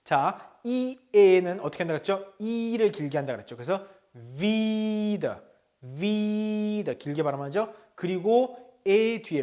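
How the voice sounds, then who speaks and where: A man teaching a language lesson. He says each phrase slowly, then explains it, and often checks in with his learners. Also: high-pitched, darkish tone.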